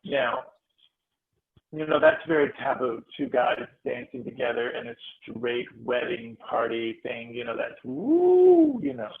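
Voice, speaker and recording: Gravelly animated man on a tinny line. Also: medium pitch, a little slow. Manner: animated, repeats and restarts phrases. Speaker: spiritual healer leading a group meditation. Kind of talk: heartfelt storytelling talk to a group. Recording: tinny phone-like audio.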